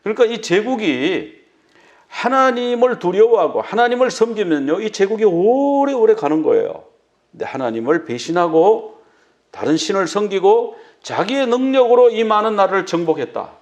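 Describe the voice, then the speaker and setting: Man, pastor, sermon, dramatic storytelling, high voice, very expressive pitch. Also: normal speed, dull audio. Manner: dramatic, acts out biblical figures' speech. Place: church.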